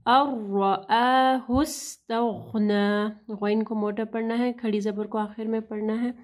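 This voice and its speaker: Woman, recitation teacher; high-ish, even delivery, slow drawn-out phrases, patient corrections. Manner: slow, deliberate, drawn-out recitation between short explanations. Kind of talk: tajweed lesson.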